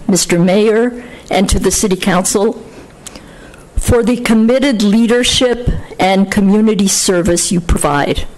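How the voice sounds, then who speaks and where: An older woman reading a prepared statement aloud at a city council meeting, formal and measured. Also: mid-range voice, a little mellow, rough recording. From France. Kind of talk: prepared speech read aloud. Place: council chamber, indoors. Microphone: podium microphone.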